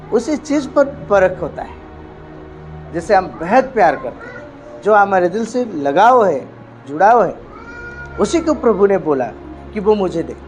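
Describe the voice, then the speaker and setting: A high-pitched male preacher from India gives an emphatic sermon, calling out hallelujah often and alternating between loud moments and hushed ones.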